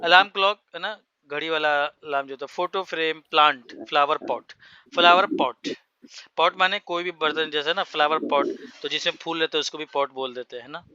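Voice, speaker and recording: A man teaching a spoken English class for Hindi speakers, explaining words slowly and spelling them out. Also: fairly high pitch, sharp tone, clear, resonant tone, dry recording, muffled recording.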